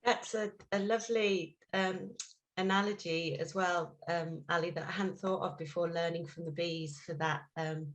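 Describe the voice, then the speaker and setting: A woman with a slightly low voice moderates a panel on a video call. She thanks each guest and asks open, encouraging questions, pausing with fillers. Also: steady tone, poor audio.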